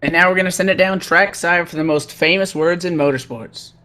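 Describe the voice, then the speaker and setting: A man commentates as host of a motorsport broadcast. His voice sits a little high for a man, and he delivers race updates in a broadcast style. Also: fairly even intonation, a little fast, pushed and bright.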